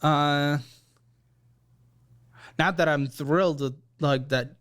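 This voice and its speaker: A man's voice: a little high, fairly even intonation, takes it slowly, a bit bright. A man hosting a personal finance show, questioning a guest in a blunt, challenging way.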